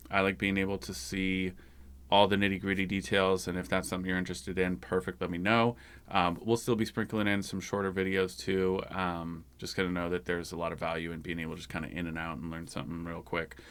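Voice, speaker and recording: A man's voice: sits low, a bit bright, clean tone. A man hosting his own channel, giving a loose, rambling, conversational screen-share tutorial. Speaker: tech channel host.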